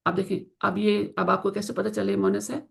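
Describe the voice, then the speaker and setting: A woman teaching Quranic Arabic grammar in an online class, explaining in Urdu mixed with English and slowly drawing out the Arabic example words. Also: medium pitch, little pitch movement, gravelly. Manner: slow drawn-out pronunciation of Arabic example words, asks students to confirm.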